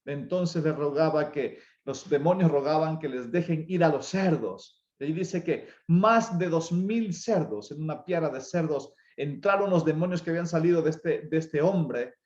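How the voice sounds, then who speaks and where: A man preaching an evangelistic sermon, his voice pitched a little high. He swings from loud, urgent calls down to hushed, slowed passages. The sound is roomy and slightly dull, as in a church hall. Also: lively intonation. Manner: impassioned preaching with dramatic swings of pitch and loudness. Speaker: pastor.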